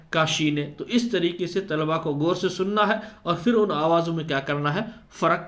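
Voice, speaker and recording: A man giving an exam-prep lecture, who explains step by step and answers his own questions. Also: a little high. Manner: slows down to spell out letter sounds. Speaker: teacher.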